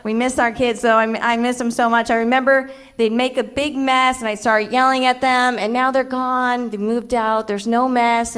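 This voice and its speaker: A woman in her fifties doing a stand-up comedy set on a club stage, delivering punchlines deadpan with playful self-mockery. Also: high-pitched, clean tone. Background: audience laughter.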